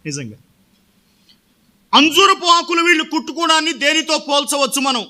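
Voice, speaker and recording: A man's voice: extremely high pitch, lively intonation, moderate pace, pushed and bright. A male pastor preaching a sermon, often putting questions to the congregation and answering them himself.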